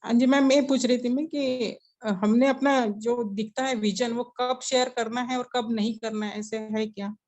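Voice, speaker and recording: Woman on a group call, halting and polite, feels her way through her question. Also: fairly high pitch, steady tone, darkish tone. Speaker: participant. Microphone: video call.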